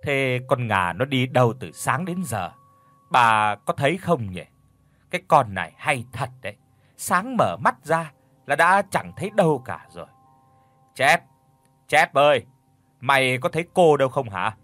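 A man voicing an older village mother who scolds her daughter with loud, wailing curses. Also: medium pitch, sing-song, unhurried, dry recording, soft background music. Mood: fretful. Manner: wailing, cursing outbursts.

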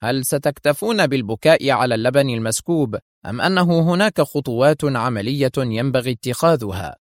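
A man's voice: medium pitch, expressive, brisk, no room sound, studio quality, natural voice. A man voicing a stern, angry male spy agency director who speaks harshly. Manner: harsh, severe delivery.

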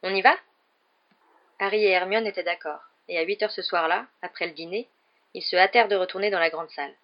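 A man narrating a novel as an audiobook reader in a steady, even storytelling manner. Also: sits high, fast. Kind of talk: read-aloud narration of a novel. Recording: dull lo-fi recording.

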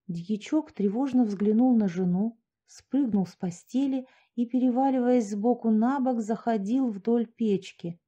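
A woman reading a short story aloud in steady, even audiobook narration. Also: a little high, measured pace, few pauses, dull audio.

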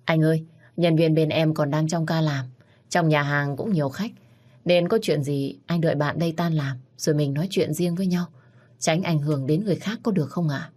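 A woman voicing a calm, courteous male restaurant manager who speaks softly. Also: sits low, fairly quick. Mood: placating. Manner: soft, courteous.

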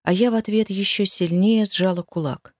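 A woman reading a first-person novel aloud, with an expressive, emotional delivery. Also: medium pitch, moderate pace, no room sound, clean studio sound. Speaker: audiobook narrator. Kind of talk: first-person audiobook narration.

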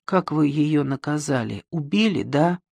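A calm, patient male detective, as an audiobook reader plays him, asking question after question in a soft, even voice. The delivery is slow and unhurried, recorded close and dry. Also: medium pitch, creaky, no room sound. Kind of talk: audiobook reading.

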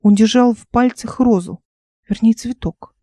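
A woman narrating her own fantasy audiobook in a calm, measured reading. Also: fairly high pitch, no echo, clean studio sound.

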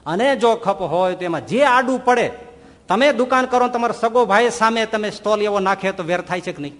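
A man with a high voice delivers a sermon, throwing out rhetorical questions and acting out small scenes. His voice rings out with a long hall reverb. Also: brisk. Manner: animated, rhetorical questions, acts out quoted voices. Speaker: swami giving a religious discourse. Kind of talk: sermon storytelling.

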